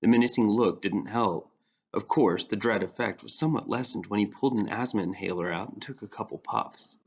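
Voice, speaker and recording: Gravelly man reading a wry story. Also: fairly low pitch, fairly quick. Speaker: narrator. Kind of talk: scripted storybook narration. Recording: dull lo-fi recording.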